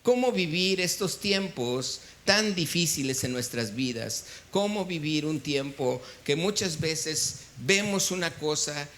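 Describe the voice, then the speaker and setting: A man's voice: on the high side, expressive, takes it slowly, few pauses, a bit bright. A man with a Mexican accent preaching a sermon in a church as pastor, stopping often to quiz the congregation and have them call back the answers. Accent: Mexican Spanish. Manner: quizzes the congregation, call-and-response.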